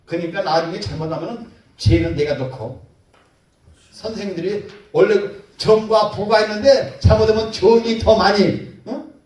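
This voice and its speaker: In a church sanctuary, a male pastor delivers an emphatic sermon full of rhetorical questions for the congregation. His voice is high and slightly mellow, with fairly even intonation at a normal speed, captured from a distant mic in an echoey hall.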